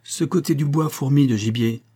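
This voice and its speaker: A man voicing a chatty, blunt young coachman in a French audiobook reading, with a husky tone. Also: mid-range voice, a little fast, mellow, voice pushed up, close to an everyday voice. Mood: eager.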